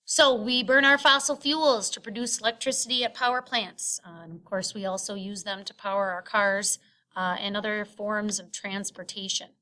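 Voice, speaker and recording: A woman teacher narrating a screen-recorded lecture, explaining step by step in a halting way with frequent filled pauses. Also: medium pitch, fairly even intonation, pushed and bright. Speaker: science teacher. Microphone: screen recording voice-over.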